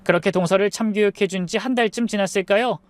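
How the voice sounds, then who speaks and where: A woman in her forties calmly narrating a scripted first-person life story. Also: mid-range voice, fast talker, no room sound.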